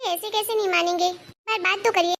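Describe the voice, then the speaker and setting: A woman's voice: very high voice, fairly even intonation, moderate pace, fairly bright tone. A woman voicing a caring, outspoken young daughter-in-law in a cartoon story, speaking earnestly and with concern. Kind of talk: cartoon voice acting.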